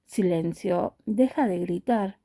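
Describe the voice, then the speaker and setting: A woman's voice: slow, warm tone. A woman reading aloud and voicing a stern male guard who speaks firmly and curtly. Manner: firm, low, curt.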